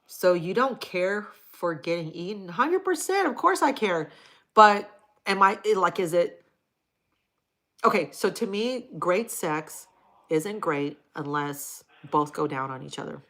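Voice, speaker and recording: A woman's voice: on the low side, a little slow, a bit bright. Blunt, crude woman chatting on a livestream. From Hawaii. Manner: blunt and crude, reads out viewer comments. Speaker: livestream host answering chat. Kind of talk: casual live-stream chat.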